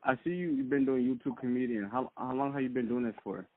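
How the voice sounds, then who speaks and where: Male interview host, relaxed short questions, lo-fi phone line. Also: medium pitch, fast, no echo. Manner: relaxed, brief questions, says okay often. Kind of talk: casual interview. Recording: tinny phone-line sound.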